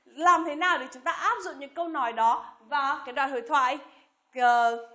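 Young female English teacher, high bright voice, slow clear drilling of phrases. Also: fairly even intonation. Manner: repeats English phrases slowly and clearly, then explains them. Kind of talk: bilingual language lesson.

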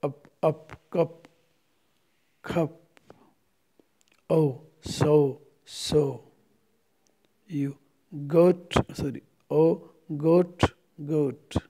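Slow, mellow-voiced Indian English lecturer. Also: male voice, a little high, fairly even intonation. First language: Hindi. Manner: slow and repetitive, drilling each word aloud several times. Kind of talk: phonetics lesson explaining vowel symbols.

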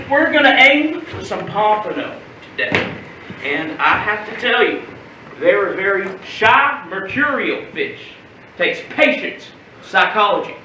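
A man's voice: high-pitched, a little slow, slight background noise, heavily acted. A young actor on stage playing a genial, coaxing uncle who teaches a boy to fish, in a live monologue. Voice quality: folksy, coaxing, animated. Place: theater stage. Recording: very echoey theater from far off.

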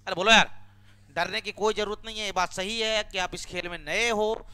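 A man's voice: sits high, fairly even intonation, moderate pace, pushed and bright, smooth. A man teaching a maths class, coaxing students to answer with repeated rhetorical questions and homely examples.

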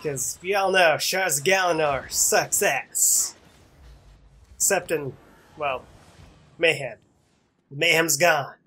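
A man's voice: on the high side, slow, long pauses, pushed and bright, breathy edge. Stuffy-nosed man chatting over gameplay. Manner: chatty, joking, talks to the game. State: stuffy nose. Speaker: gaming YouTuber. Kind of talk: casual gameplay commentary.

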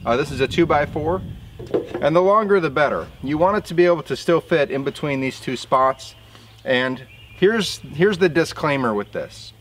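A man's voice: on the high side, expressive, moderate pace, slight background noise. A man in his thirties, a sawmill operator, casually explaining his work in an outdoor how-to vlog, recorded on a camera mic in a field. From southern Indiana.

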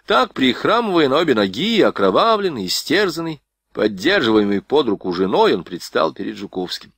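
Male narrator, mid pitch, dry close recording, audiobook reading. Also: very animated, moderate pace, creaky, fairly bright tone, no room sound.

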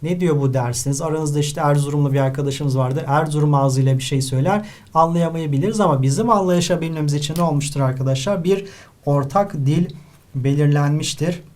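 A male teacher from Turkey goes through exam questions one at a time, explaining each answer patiently. His voice sits a bit high for a man. He writes as he talks and keeps turning to his students with questions. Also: brisk, darkish tone. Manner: explains step by step, addresses students often, writes while talking. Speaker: literature teacher. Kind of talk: exam-review lesson.

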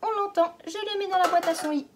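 A woman teaching a phonics lesson to young children, stretching out each word slowly and patiently asking questions. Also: very high-pitched, background noise. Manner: slow, exaggerated word pronunciation. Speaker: kindergarten teacher.

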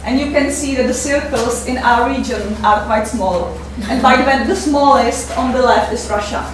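In a reverberant seminar room, a distant camera microphone captures a Czech woman in her thirties presenting on fundraising, with a faint hiss or hum underneath. She pitches a little high and stumbles through her English, pausing often and leaning on fillers.

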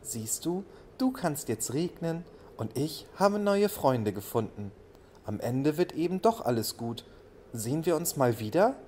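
Anna, a man doing a quiet, shy little girl. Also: a little high, big pitch swings, unhurried, a little hiss or hum, pitched above the performer's own voice. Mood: kind. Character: shy little schoolgirl, new in town, kind.

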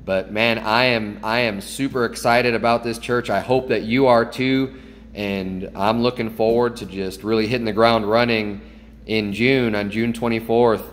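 A man's voice: on the low side, steady tone, normal speed, long reverb tail, a little hiss or hum. A man in his thirties, a pastor, making an earnest, upbeat announcement into a phone held at arm's length in his kitchen. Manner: earnest, upbeat, with small restarts. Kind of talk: casual church announcement. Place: kitchen at home, indoors.

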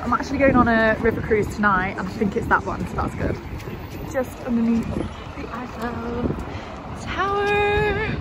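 Gushing young woman vlogging on the street. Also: a little high. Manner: chatty and gushing, repeats stunning. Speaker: travel vlogger. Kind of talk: casual travel vlog chat. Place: outdoors on city streets. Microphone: phone held at arm's length. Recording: loud street traffic noise. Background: city traffic and street noise.

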